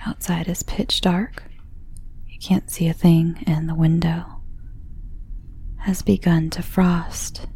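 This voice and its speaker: A woman whispering a slow guided visualization story in the second person, in a soft unvoiced whisper. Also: lowish voice, little pitch movement, husky.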